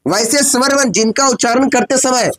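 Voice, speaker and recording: A man teaching a coaching class, firing questions at his students, answering them himself and repeating phrases slowly while dictating. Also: extremely high pitch, a loud crowd. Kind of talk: classroom lesson with call-and-response.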